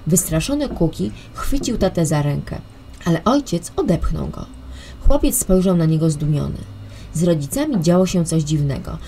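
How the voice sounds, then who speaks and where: Woman narrating a kids story, kinda low voice, faint hiss behind. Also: lively intonation, moderate pace, warm tone. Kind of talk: children's audiobook narration.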